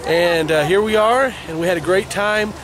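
A man in his thirties, a youth pastor, chatting upbeat to a close camera outdoors at a ski slope, rambling with many pauses. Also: sits high. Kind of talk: casual vlog to camera. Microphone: handheld camera close up. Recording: outdoor wind noise.

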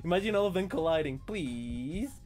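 A sick man streaming a video game, excitable and swearing as he plays. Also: sits high, unhurried, faint music behind. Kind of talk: casual gameplay commentary.

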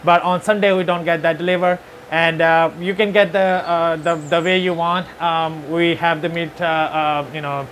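A man's voice: a little high, little pitch movement, moderate pace, few pauses, fairly bright tone, slight background noise. Man talking through a face mask. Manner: hesitant, many fillers. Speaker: store owner giving a tour. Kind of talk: casual walkthrough tour. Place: indoors in a grocery store.

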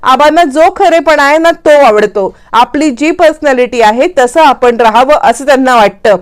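A woman's voice: high voice, moderate pace, natural voice. A woman voicing a scheming young husband, coaxing and smug as he misleads his wife.

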